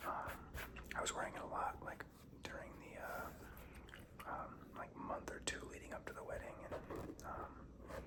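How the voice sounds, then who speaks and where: Whispering man chewing gum. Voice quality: breathy whisper with some creak. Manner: chewing gum while talking; casual, halting, rambling. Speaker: ASMR host. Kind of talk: whispered ASMR storytelling.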